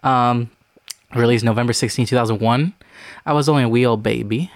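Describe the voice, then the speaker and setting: A man's voice: medium pitch, a little fast, no room sound, clean studio sound. Rambling young man hosting a movie chat. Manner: rambling with many fillers, reads out film facts. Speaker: podcast co-host. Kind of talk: casual chat.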